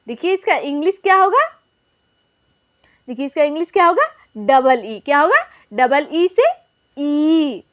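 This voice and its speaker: A woman teacher explaining a lesson step by step, asking questions and answering them herself. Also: sits high. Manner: asks and answers her own questions, repeats key points. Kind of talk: classroom lesson.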